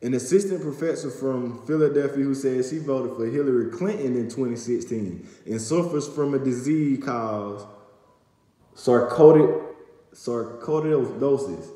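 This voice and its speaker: This young man's voice is medium in pitch and mellow, and he keeps a measured pace while recapping news to camera, tripping over words and using fillers. The phone camera sits at arm's length in a small home room that echoes with long reverb.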